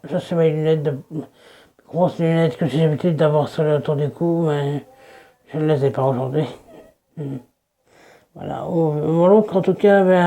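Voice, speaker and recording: Rambling speaker with a creaky, dark voice. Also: mid-range voice. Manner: rambling and meandering, often restarting sentences. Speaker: video creator introducing a DJ persona. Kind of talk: casual self-introduction to viewers.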